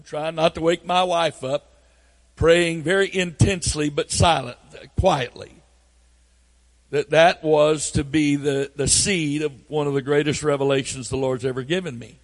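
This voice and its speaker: An older man, a pastor, preaching a sermon with earnest, repetitive storytelling that builds from hushed tones to near-shouting. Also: a little high, steady tone, unhurried.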